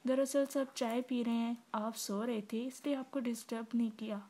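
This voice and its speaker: A woman's voice: fairly high pitch, fairly even intonation, normal speed, mellow, lightly acted. A woman reading the part of an eager young woman who keeps explaining herself in a novel. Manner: rambling, explanatory.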